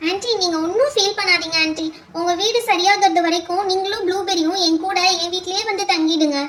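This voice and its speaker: A woman's voice: extremely high pitch, brisk, fairly bright tone, slight background noise. A woman voicing a kind little girl who earnestly coaxes and pleads with a friend's mother in a doll show. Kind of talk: doll pretend-play voice acting.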